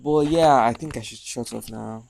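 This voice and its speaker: A young man with a Nigerian accent rambling casually to his own camera, repeating himself and often trailing off quietly. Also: medium pitch, normal speed, gravelly, a little hiss or hum, rough recording. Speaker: content creator. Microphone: own handheld mic, noise reduction mode.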